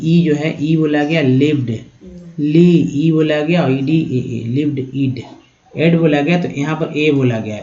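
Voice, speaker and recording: A man's voice: on the high side, warm tone. Man patiently teaching in a roomy room. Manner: patient step-by-step explaining, addresses listeners as friends. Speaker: English teacher. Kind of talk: explaining English pronunciation to beginners. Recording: roomy, dull lo-fi sound.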